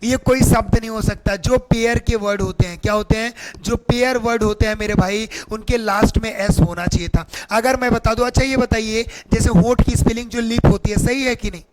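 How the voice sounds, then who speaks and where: A man's voice: extremely high pitch, steady tone, over music. A man teaching English grammar in an exam-prep lesson, drawing words out in a sing-song way and asking questions he answers himself. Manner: sing-song, drawn-out teaching delivery, calls viewers beta; asks rhetorical questions and answers them himself.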